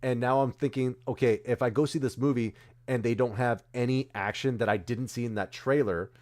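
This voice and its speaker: A man's voice: medium pitch, fairly even intonation, brisk, darkish tone. A man co-hosting a stream, chatting casually about movie trailers and often losing track of names mid-sentence. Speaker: streamer co-host. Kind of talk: casual chat.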